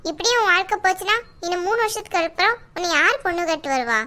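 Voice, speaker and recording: A woman doing a shrill pleading young wife. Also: animated, fast talker, pushed and bright, full character voice. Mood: scolding. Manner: pleading, scolding. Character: young village wife, worried, pleading older sister type. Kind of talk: cartoon dialogue.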